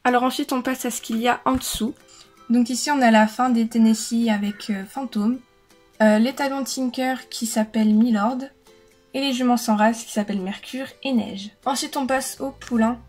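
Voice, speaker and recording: Chatty higher-voiced woman vlogger. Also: steady tone, moderate pace, darkish tone, faint music behind. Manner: chatty, lists names with many hesitations. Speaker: vlogger showing her collection. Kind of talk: casual show-and-tell. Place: indoor room shared with siblings.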